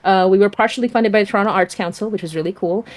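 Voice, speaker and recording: A woman with a medium-pitched, slightly mellow voice talks rapid-fire as a guest in a casual livestream chat. She's an audio drama creator, and her manner is effusive and emphatic.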